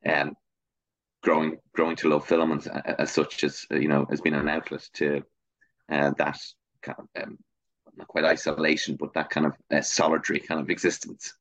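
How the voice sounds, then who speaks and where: Rumbling low and monotone, this Dublin-accented filmmaker from Ireland speaks at normal speed with a slightly bright quality and no echo. He's middle-aged and a guest in an interview, reflecting on questions while stumbling over fillers and restarts, all captured in muffled, lo-fi sound.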